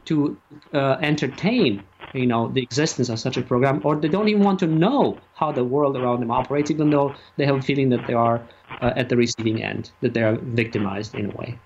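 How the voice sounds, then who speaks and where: A man giving opinions as a radio interview guest, speaking haltingly and emphatically and repeating his phrases. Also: mid-range voice, a little mellow. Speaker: talk show guest and activist. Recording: muffled lo-fi audio, faint noise.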